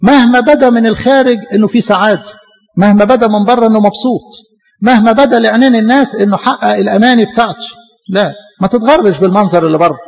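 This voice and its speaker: A man preaching with an Egyptian accent, his voice high and a little husky. He races through his sermon, firing rhetorical questions at the congregation. The recording sounds dull and muffled. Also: very fast. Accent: Egyptian Arabic.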